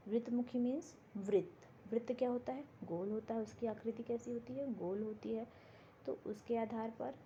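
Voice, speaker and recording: Female teacher, warm mellow tone, walks through a lesson by posing and answering her own questions. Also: mid-range voice, highs cut off, a little hiss or hum. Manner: slow, explains step by step, asking and answering her own questions. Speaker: Hindi grammar teacher. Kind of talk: classroom-style exam prep lesson. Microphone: board lesson video, writing while talking.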